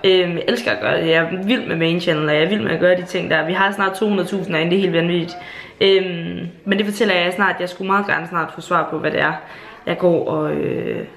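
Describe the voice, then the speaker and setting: A woman's voice: lowish voice, fairly even intonation, vocal fry, fairly bright tone, echoey room. A young woman in her late teens from Jutland, chatting casually in a home vlog in a bubbly, gushing way, with swearing and fillers. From Jutland, Denmark. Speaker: YouTuber. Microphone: handheld camera.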